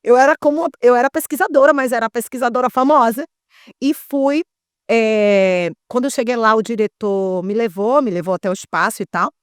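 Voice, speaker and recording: A middle-aged Brazilian woman with a Brazilian Portuguese accent, guest in an interview, telling a story in a lively way and acting out the voices she quotes. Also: on the high side, normal speed, smooth, no echo, studio quality.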